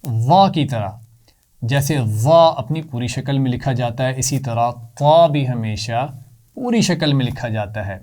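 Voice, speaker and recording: A man's voice: mid-range voice, darkish tone. A man teaching a children's Quran reading lesson, patiently repeating letter sounds for the pupils to copy and praising them often.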